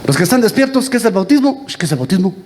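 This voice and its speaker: Lively, teasing Guatemalan priest. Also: male voice, high voice, very fast, a little hiss or hum. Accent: Guatemalan Spanish. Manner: teasing, quizzes the congregation with repeated questions. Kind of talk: lively interactive homily. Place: church.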